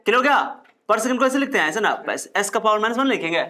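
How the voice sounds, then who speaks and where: A man's voice: high-pitched, animated, quick pace, sharp tone. A male physics teacher lecturing a classroom, repeating key terms and firing questions at his students.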